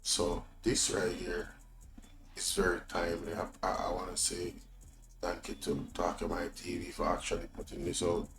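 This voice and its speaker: A man hosting a livestream, giving informal, deliberate, opinionated commentary. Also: sits low, monotone. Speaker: livestream host. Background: loud music.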